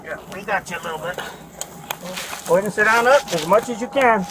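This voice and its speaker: High-voiced policeman in a noisy cabin. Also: fast talker. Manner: informal, explanatory, checks for agreement. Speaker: police officer. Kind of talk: instructing and questioning a detainee. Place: aircraft cabin, body-worn camera. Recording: noisy aircraft cabin body-camera audio.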